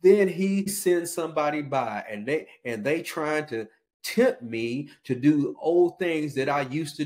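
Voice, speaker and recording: Man preaching with drawn-out emphasis. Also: a little high. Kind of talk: sermon.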